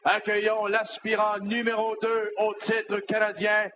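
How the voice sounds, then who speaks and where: Give the ring a Quebec French man with a high voice, hyping fighters as a formal announcer. He draws out names slowly and showily over clear live noise. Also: completely flat delivery, bright, forceful tone. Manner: showy fight-announcer hype, drawn-out names. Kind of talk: formal boxing ring introductions. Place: boxing event in a club. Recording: noisy live boxing hall.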